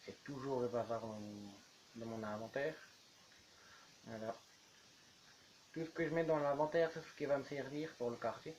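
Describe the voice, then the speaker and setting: A man's voice: mid-range voice, normal speed, pauses often, darkish tone, slight background noise, rough recording. A man chatting casually while building in a game, rambling on as he goes. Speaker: YouTuber. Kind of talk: casual gameplay commentary.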